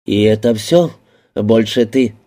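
A man's voice: lowish voice, takes it slowly. A man doing a defiant, frightened young woman. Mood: alarmed. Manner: sharp, indignant retorts. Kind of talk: audiobook reading.

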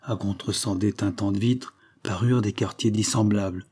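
A man narrating a story in a measured, literary way as an audiobook reader. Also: fairly low pitch, steady tone, a little mellow, husky.

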